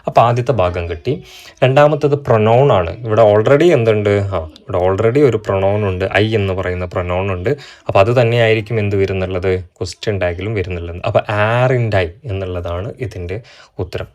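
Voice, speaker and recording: With a fairly low, slightly mellow voice, a male teacher leads a grammar class for exam preparation. He answers his own questions to the students and spells out sample sentences at a very slow pace.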